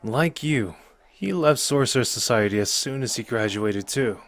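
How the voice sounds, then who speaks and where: Speaking at a normal speed with an expressive mid-range voice, this man gives a lightly acted performance as a brash, playful young sorcerer who is protective at heart. He addresses the listener in a casual, intimate ASMR roleplay. His tone is earnest and coaxing, with a teasing, conversational manner.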